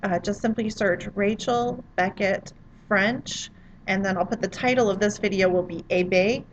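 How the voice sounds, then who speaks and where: A woman's voice: medium pitch, moderate pace, slight background noise, poor audio. A woman French teacher giving a friendly, chatty pronunciation lesson to students.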